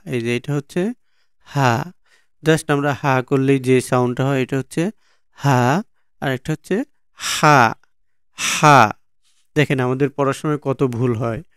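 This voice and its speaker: A man's voice: medium pitch, gravelly, clean tone, no echo, studio quality. A Bangladeshi man teaching Quran letter pronunciation from slides, patiently repeating each sound many times. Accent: Bangladeshi Bengali. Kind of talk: slow slide-based lesson on letter pronunciation.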